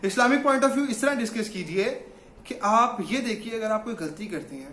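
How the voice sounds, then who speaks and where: A man's voice: high-pitched, lively intonation, a bit bright, reverberant, a little hiss or hum. A man giving a motivational self-help talk in Urdu, mixing in English phrases and guiding the listener through affirmations.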